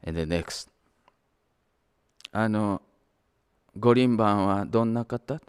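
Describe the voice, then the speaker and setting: A man's voice: lowish voice, takes it slowly, darkish tone, clear, resonant tone. An older man from Japan, a Japanese native, giving an anecdotal sermon as minister, switching between Japanese and English. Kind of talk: sermon storytelling.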